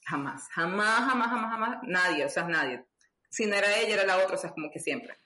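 A woman's voice: medium pitch, lively intonation, a little fast, bright, forceful tone. A woman telling a personal story, chatty, with many fillers and acted-out dialogue. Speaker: guest. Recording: roomy echo.

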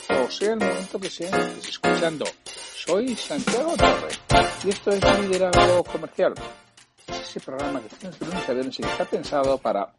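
This is a man hosting a business interview podcast. His voice sits in the middle of the male range but moves animatedly up and down. He talks in a friendly, conversational way, leading the chat with easy introductions and questions. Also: mid-range voice. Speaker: podcast host.

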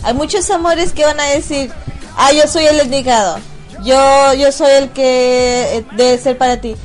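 A woman's voice: high voice, steady tone, a little slow, soft background music. A woman co-hosting a youth show, playful and then earnest about faith. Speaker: co-host.

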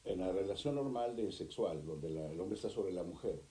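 A therapist and author appears as a guest in a conversational interview, talking animatedly and acting out couples in quick voices. His voice is low-pitched, and the recording is roomy with poor audio.

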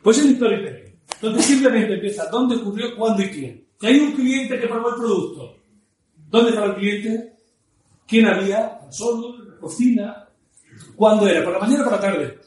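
Male speaking coach, playful and lively, higher voice, heavily echoing hall, distant mic. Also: moderate pace. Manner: lively, playful, swings between loud and soft. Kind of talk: live talk on storytelling. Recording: very echoey room, mic far off, faint noise.

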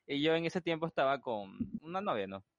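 A young man, telling a story in a casual chat, animated and swearing freely. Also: fairly high pitch, brisk, no echo, muffled recording. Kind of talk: casual anecdote telling among friends.

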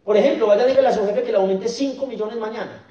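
A man leads a jokey motivational talk at a convention, constantly checking in with the crowd through rhetorical questions. His tone is dark and mellow. He sounds far from the mic in a roomy hall, and the recording is dull. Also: high-pitched, fast. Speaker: network marketing leader speaking at a convention.

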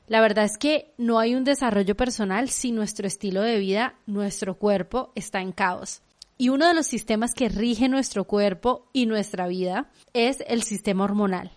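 A woman's voice: fairly high pitch, darkish tone. A woman from Mexico, hosting a wellness podcast with an upbeat presenter delivery. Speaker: podcast host. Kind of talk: scripted intro and interview.

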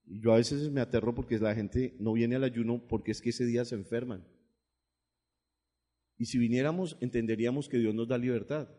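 A male pastor preaching a sermon, swinging from loud, emphatic bursts to low, quiet asides. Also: steady tone, a little fast, in a large hall.

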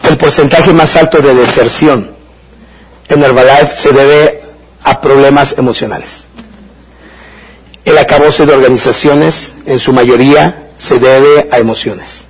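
A man's voice: medium pitch, steady tone, unhurried, slightly rough. A man with a Mexican accent giving a motivational seminar talk to a live audience, conversational and quizzing the crowd with questions. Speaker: motivational speaker. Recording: noisy live seminar recording.

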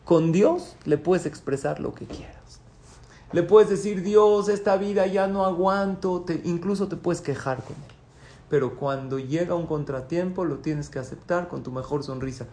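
A man with a high, bright-edged voice delivers a rabbi's sermon. He poses questions and answers them himself, swinging from loud, urgent pleas to soft, hushed asides. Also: normal speed.

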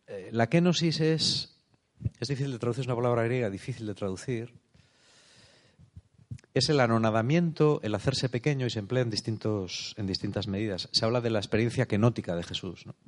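A man giving a thoughtful spiritual talk, often checking in with "eh?" and "no?". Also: lowish voice. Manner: thoughtful, unhurried, tag questions like "eh?" and "no?". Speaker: preacher.

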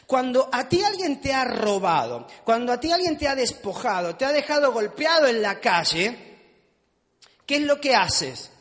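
Preacher, man, very high voice, chatty sermon with jokes at his own expense, hall reverb. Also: sing-song, moderate pace, a bit bright. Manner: conversational, asks the audience questions; self-mocking humor.

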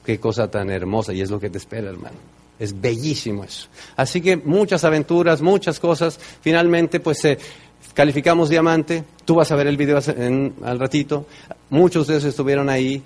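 A middle-aged man with a Mexican accent, giving a motivational talk and telling his story, with loud bursts and soft low asides. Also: steady tone, a little fast. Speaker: speaker at a business event.

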